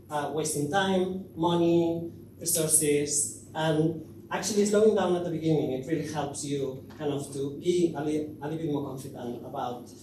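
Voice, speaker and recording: A man from Spain gives a conference talk, hesitating often with filler sounds. His voice sits a little high and reaches us from a distance. The hall rings with heavy echo and steady background noise. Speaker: conference speaker. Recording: echoey hall, distant mic, noisy.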